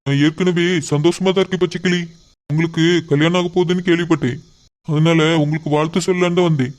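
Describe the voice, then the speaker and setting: A man plays a lovesick young cartoon man who has given up hope. He speaks quickly in a flat, even voice. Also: a little high, lightly acted. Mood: sad. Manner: subdued, resigned. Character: heartbroken young man in love.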